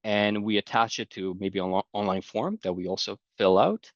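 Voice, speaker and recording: This middle-aged man, a conference speaker with a Romanian accent, has a lowish voice and talks at a normal speed. His presentation is conversational and explanatory, built on everyday anecdotes told with light laughs. The audio is muffled, with no room sound.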